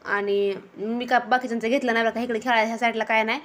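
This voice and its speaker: A woman's voice: on the high side, steady tone, quick pace, fairly bright tone. A young woman, casually narrating a family vlog outdoors in a garden, chatty and scolding her children now and then. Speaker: vlogger and mother.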